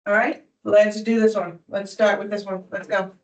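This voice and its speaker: A woman's voice: medium pitch, little pitch movement, normal speed, roomy sound, recorded from a distance, rough recording. A woman tutoring a student in phonics, patient and encouraging, often checking in with "right?". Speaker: reading tutor. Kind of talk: one-on-one phonics lesson.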